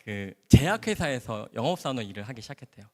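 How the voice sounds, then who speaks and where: A man's voice: mid-range voice, fast talker. A man, a doctor, gives a testimony at a church camp and tells his story vividly. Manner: animated, vivid storytelling with sound words. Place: church camp gathering hall. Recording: hall reverb.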